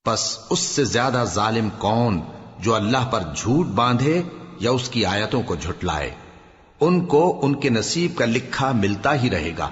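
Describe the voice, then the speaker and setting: A man reading a scripture translation aloud in a measured, solemn way, dropping low at the end of each verse. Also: animated. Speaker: scripture reader. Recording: reverberant, dull lo-fi hall recording.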